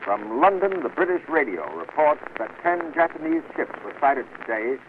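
A man's voice: medium pitch, very animated. A man reading formal news bulletins as a radio announcer, with the sound of an old-time radio news broadcast. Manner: brisk, formal announcer delivery. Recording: tinny, noisy archival radio broadcast.

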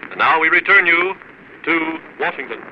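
A man announcing news bulletins in a brisk, formal 1940s radio style, heard as an old archival broadcast. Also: fairly high pitch, animated. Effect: old archival radio broadcast sound. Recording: dull noisy 1940s radio recording.

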